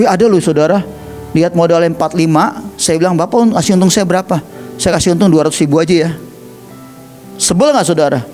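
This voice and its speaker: A man with an Indonesian accent preaching a sermon, telling stories animatedly and acting out quoted voices. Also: high voice. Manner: animated storytelling, acts out quoted voices, addresses listeners as 'saudara'. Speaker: evangelist preacher.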